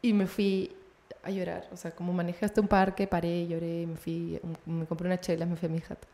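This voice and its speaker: Peruvian girl telling a wild story, super animated, does little voices, laughs a lot. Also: on the low side, a little fast. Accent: Peruvian Spanish. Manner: animated, laughing, acts out voices in her anecdotes. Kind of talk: casual storytelling chat.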